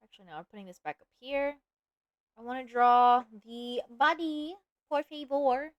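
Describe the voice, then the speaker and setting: A woman's voice: sits high, moderate pace, no echo, dull audio. A woman streaming live as a VTuber, chatting casually and playfully while she animates, with sudden dramatic outbursts.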